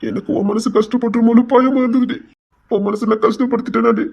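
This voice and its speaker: A young man pleads and apologizes in a high, husky voice, as a man acts him out. The delivery is emotional and earnest throughout. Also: fairly even intonation, fast, a little mellow, full character voice.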